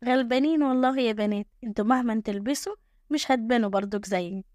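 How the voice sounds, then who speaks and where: A woman's voice: on the high side, fast talker, darkish tone, dry recording, lightly acted. A woman voicing a cheerful, easygoing young village woman with an Egyptian accent, shrugging off insults. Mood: carefree. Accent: Egyptian Arabic.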